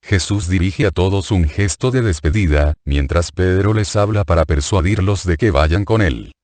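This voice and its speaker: Deep-voiced man reading a religious book. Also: normal speed, a little mellow, dry recording. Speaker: audiobook reader. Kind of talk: scripted narration of a religious book.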